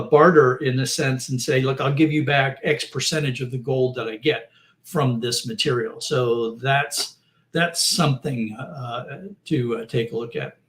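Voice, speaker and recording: A middle-aged man hosting a casual livestream chat, rambling and friendly, with many fillers and restarts. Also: medium pitch. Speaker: host.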